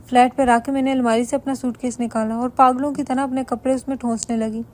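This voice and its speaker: A woman narrating a dramatic first-person story in an even, measured reading. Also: high-pitched.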